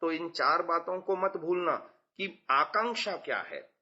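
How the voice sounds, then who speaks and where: Man, religious teacher, slow patient scripture lecture, slightly high voice, dull lo-fi recording. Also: animated, sharp tone. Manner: patient, explains with everyday examples.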